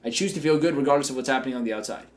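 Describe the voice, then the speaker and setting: Speaking at a racing pace in a mid-range voice, this man hosts a coaching show. He's a business coach whose motivational talk is confident, cheerful and full of jokes.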